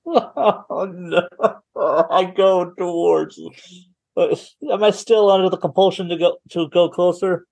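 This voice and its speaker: Higher-voiced man playing a tabletop game. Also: little pitch movement, unhurried, creaky, darkish tone. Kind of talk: casual game chat, in and out of character.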